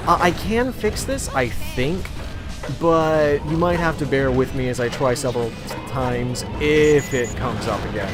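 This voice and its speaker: A young man giving casual let's play commentary in a sarcastic, rambling, jokey way. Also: mid-range voice. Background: video game music.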